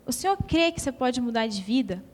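A woman's voice: on the high side, very animated, brisk. A Brazilian woman giving an earnest, emotional testimony in a church hall. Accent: Brazilian Portuguese.

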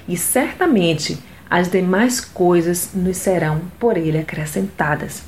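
Woman reading a slow devotional message. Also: lowish voice, a little mellow, a little hiss or hum. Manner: slow, measured reading with pauses. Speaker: devotional speaker.

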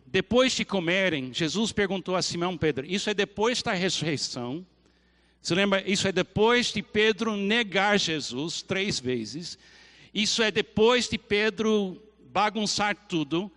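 Casting: male pastor, high bright voice, lively storytelling sermon, long hall reverb. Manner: animated storytelling, acting out scenes.

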